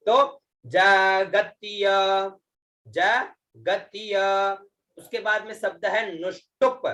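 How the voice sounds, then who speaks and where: Slow, patient man teaching chanting. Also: high voice, a bit bright. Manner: slow, patient, repeats words and drawn-out chanted syllables; frequent checking fillers. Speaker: Vedic recitation teacher. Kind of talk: online chanting lesson.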